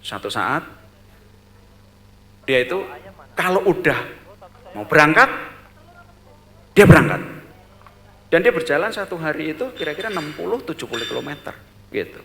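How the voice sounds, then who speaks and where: A man with a bright, forward voice gives a storytelling lecture at a business seminar. He talks in short bursts, repeating words and adding little fillers as he goes. His loudness rises and falls sharply as he builds the tale. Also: fairly high pitch, normal speed, gravelly, long pauses. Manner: animated storyteller, voice swelling loud then dropping soft; repeats words and tags phrases with "gitu". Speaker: seminar speaker.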